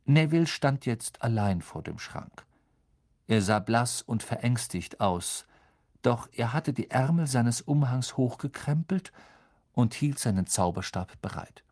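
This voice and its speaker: Casting: male storyteller, lively and dramatic, with a melodic, wide-ranging pitch in scripted narration. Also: a little slow. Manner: expressive, dramatic reading with many voice shifts. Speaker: audiobook narrator.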